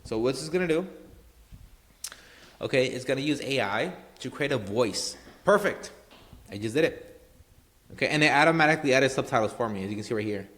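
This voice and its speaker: A man talking through a screen-share tutorial in a casual, rambling way. His pitch sits in an ordinary middle range. He leans on fillers and keeps checking in with the viewer. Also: lively intonation, brisk, long pauses, fairly bright tone. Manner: rambling, filler-heavy, keeps saying obviously and right. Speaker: marketing tutorial host.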